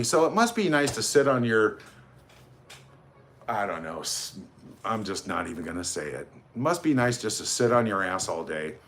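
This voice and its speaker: Sarcastic man hosting a livestream. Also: slight background noise. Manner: sarcastic, mocking; swings between loud outbursts and low mutters. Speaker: livestream host. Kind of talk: casual livestream chat.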